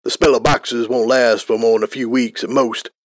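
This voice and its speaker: A man's voice: mid-range voice, fairly even intonation, moderate pace, no echo, close to an everyday voice. Guy playing an offhand rambly pony captain, dry close sound. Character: chatty male pony soldier captain, offhand.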